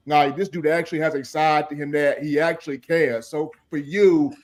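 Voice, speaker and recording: A man interviewing someone in a casual, conversational style. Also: fairly high pitch.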